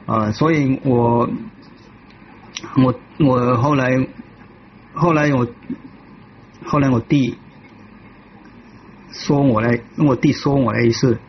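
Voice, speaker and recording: A man giving a personal testimony in a halting way, often restarting and repeating himself. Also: medium pitch, steady tone, lo-fi sound, slight background noise. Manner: halting, with many restarts and repetitions. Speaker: devotee telling his life story.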